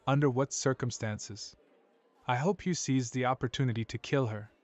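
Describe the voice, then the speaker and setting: A man's voice: mid-range voice, moderate pace, darkish tone, no echo, natural voice. A man playing a grave, vengeful elf hunter in a video game, speaking formally and solemnly in a hollow voice. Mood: grave, accusing. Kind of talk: video game character dialogue.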